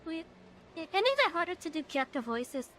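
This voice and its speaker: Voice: extremely high pitch, sing-song, a little fast, sharp tone, slight background noise. A streamer talking casually through an AI voice changer that makes them sound like a woman, often stumbling over words and restarting sentences. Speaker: game streamer. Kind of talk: casual livestream chat while playing.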